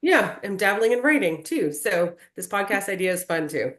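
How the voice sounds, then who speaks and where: A woman's voice: medium pitch, big pitch swings, normal speed, a bit bright. A woman who is a life coach and therapist, chatting casually on a podcast from a freshly moved-into room with bare walls that makes her voice echo.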